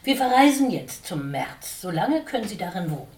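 A woman's voice: medium pitch, very animated, normal speed, darkish tone, natural voice. A woman reading aloud and voicing a formal, courteous male starling who strains to keep his temper. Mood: polite. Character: polite but irritable male starling, house owner. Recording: roomy, distant mic.

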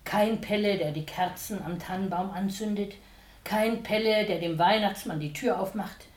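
Woman voicing a loving, sorrowful storybook mother, soft and pleading, echoey room. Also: mid-range voice, normal speed, distant mic, natural voice. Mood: gentle. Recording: roomy echo.

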